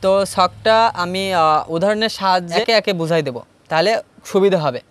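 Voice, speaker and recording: A man's voice: high voice, moderate pace, a bit bright, dry recording. A man with a Bangladeshi Bengali accent teaching an English grammar lesson step by step, asking questions and answering them himself. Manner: repeats key points for emphasis. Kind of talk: classroom grammar lesson at a board.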